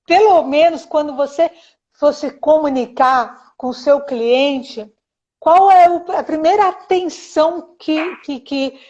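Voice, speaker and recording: High-voiced host, slow and searching. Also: female voice, darkish tone. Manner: slow, searching questions with many fillers. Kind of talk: live-streamed interview. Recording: muffled live-stream audio.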